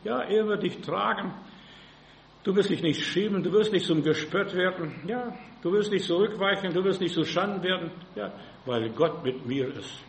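A man's voice: high-pitched, animated, normal speed, reverberant, a little hiss or hum, poor audio. A man preaching a fervent sermon, punctuating nearly every phrase with "ja" and briefly acting out frightened voices. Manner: fervent, repeats "ja" constantly, acts out frightened voices.

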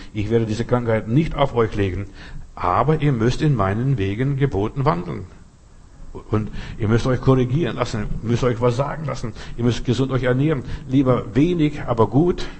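A man delivers a sermon with a slightly husky voice. He exhorts earnestly and speaks straight to each listener, pressing his points home. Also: medium pitch, darkish tone. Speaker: preacher.

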